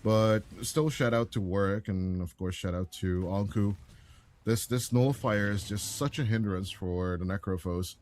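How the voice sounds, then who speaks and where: A man giving relaxed, chatty color commentary and analysis on an esports match. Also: fairly low pitch, normal speed.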